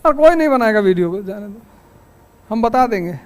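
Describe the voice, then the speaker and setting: A man lectures his students in a high-pitched voice, moving from wry anecdotes to pointed rhetorical questions. When he sets the rules of his class, he turns firm and commanding. It has the tone of a motivational classroom talk. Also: lively intonation, brisk. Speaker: teacher addressing a class.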